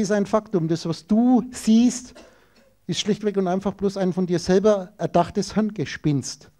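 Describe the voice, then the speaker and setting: A man's voice: high voice, warm tone. A man giving an esoteric lecture, emphatic and rhetorical, speaking straight to his listeners.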